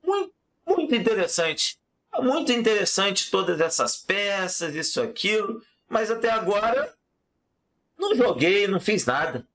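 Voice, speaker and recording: An impatient, proud king, as a male teacher puts him on, talking in a raised, strained voice that is noticeably higher than the storyteller's own. He talks loudly, exclaims, and makes demands as a storybook monarch. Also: sing-song, measured pace, heavily acted. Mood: impatient, indignant.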